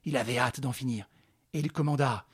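A male narrator tells a radio drama in a measured, dramatic storytelling voice. His tone is mid-pitched with a husky, slightly breathy grain.

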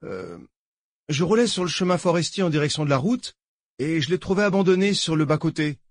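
Guy putting on a nervous young deputy, lots of uh's, higher and jumpy. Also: lively intonation, fairly quick, no echo, clean studio sound. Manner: hesitant, stammers with frequent "uh". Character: nervous young male sheriff's deputy on radio.

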